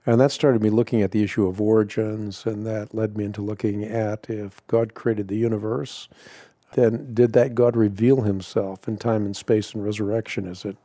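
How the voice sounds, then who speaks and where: Older man from the Netherlands, low mellow voice, reflective guest storyteller, dry close mic. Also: no echo. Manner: measured, reflective, some repeated starts. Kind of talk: relaxed interview storytelling.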